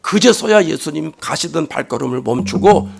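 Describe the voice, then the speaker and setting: A man preaching a sermon as a pastor in a church, swinging between loud emphatic rises and quiet low asides. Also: lively intonation, moderate pace, creaky. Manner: acts out quoted lines dramatically. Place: church sanctuary.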